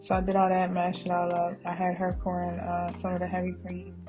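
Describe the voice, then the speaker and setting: Woman, lowish voice, chatty cooking vlog voice-over, rambling asides, music playing underneath. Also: monotone, brisk, rough recording. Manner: chatty and rambling, drifts into side stories; laughs easily, addresses viewers as y'all. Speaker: home cooking vlogger. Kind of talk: casual voice-over narration of cooking footage. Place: voice-over added to kitchen footage. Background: background music.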